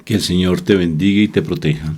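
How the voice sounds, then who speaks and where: A man giving a calm, measured blessing and closing words. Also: low-pitched, husky. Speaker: preacher. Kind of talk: blessing and sign-off.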